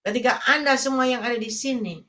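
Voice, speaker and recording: A woman's voice: fairly high pitch, fairly quick, bright, forceful tone. A woman evangelist preaching a sermon, telling stories and often addressing the congregation directly. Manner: storytelling, addresses congregation as brothers and sisters.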